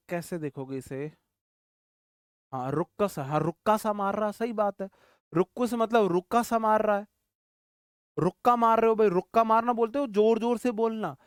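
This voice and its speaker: A male English vocabulary teacher giving a classroom lecture in an animated way, repeating words, firing off quick questions and joking memory tricks, and calling his students brother. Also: sits high, clean tone, no room sound, studio quality. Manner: jokey memory tricks, calls listeners brother.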